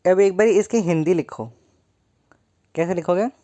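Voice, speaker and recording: A woman's voice: lowish voice, moderate pace, warm tone. A young woman teaching a poem in an online lesson, playful and joking, calling her students 'beta'.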